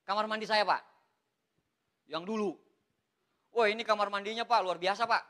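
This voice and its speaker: A man giving a lively, joking motivational talk, repeatedly addressing his audience as "Pak". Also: high voice, moderate pace. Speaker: MLM motivational speaker.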